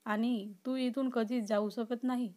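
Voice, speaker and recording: Woman doing a creepy obsessive guy, pleading then menacing, kinda high-ish for a guy, storybook reading. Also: fairly even intonation, a little slow, mellow, lightly acted. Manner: pleading then threatening, intense. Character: obsessive possessive young man, menacing.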